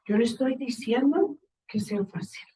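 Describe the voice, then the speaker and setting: A woman with a Guatemalan accent giving a faith talk to a live group, lively and full of rhetorical questions to her listeners. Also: a little high, unhurried, slightly rough, poor audio. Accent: Guatemalan Spanish.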